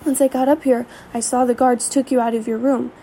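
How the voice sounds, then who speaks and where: Storybook best friend: meek, caring young man, voiced by a woman, higher and bright. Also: flat delivery, fairly quick, a little hiss or hum, natural voice, poor audio. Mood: eager.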